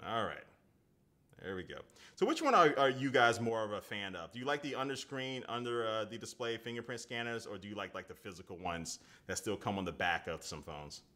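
On a relaxed phone-unboxing live stream, a tech reviewer in his thirties talks with his audience and reads their comments aloud from a desk in his home studio. He has a lowish, sharp-toned voice and an expressive delivery that runs a little fast.

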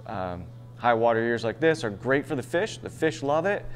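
A man's voice: mid-range voice, expressive, moderate pace. Middle-aged man, shop owner, casual interview, lapel mic, small shop, faint hum. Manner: casual, friendly with fillers. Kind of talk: interview soundbite.

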